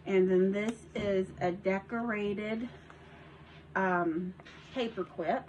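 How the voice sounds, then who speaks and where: Speaking slowly at medium pitch with a darkish tone, a Southern woman rambles through a show-and-tell vlog of a handmade journal in her craft room. She restarts often and giggles a little. Her phone recording is lo-fi with slight background noise.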